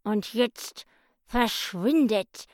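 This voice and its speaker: A woman's voice: fairly high pitch, extremely slow, a little mellow, dry recording, studio quality. A woman voicing a fat, lazy male pug dog who grumbles and wants to be left alone. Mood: grumpy. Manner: grumbling, sleepy, dismissive.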